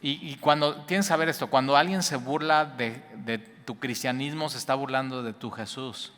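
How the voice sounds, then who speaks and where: A man, preaching a lively conversational sermon that speaks straight to his listeners with asides. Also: mid-range voice, moderate pace. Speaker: pastor. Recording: reverberant hall.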